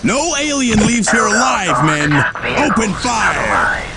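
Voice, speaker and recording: A man's voice: high-pitched, sing-song, slow pace, heavily acted. A man playing a fierce, vengeful alien soldier giving commanding battle cries in a video game. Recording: game audio under loud music.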